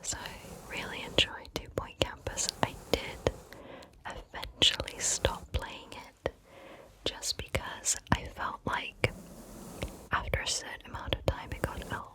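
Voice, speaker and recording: A woman whispering breathily, close to the microphone, in a gentle, deliberate ASMR chat as the host. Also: rough recording. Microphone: close microphone, ear to ear.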